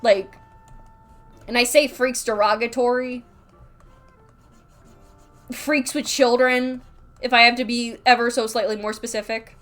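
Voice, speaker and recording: A woman's voice: a little high, fairly even intonation, a little slow, long pauses, fairly bright tone, faint music behind. A woman livestreaming while drawing, rambling candidly in casual chat, full of filler words, reading chat aloud and reacting.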